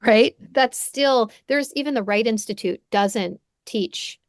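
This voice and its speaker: A woman in her forties, a psychotherapist who hosts a podcast, speaks slowly in a fairly high voice during a reflective, conversational interview. She sounds thoughtful and searching, often restarting and adding "right?" She's recorded in a room at home on video-call headphones, with a dry, close sound and no room echo.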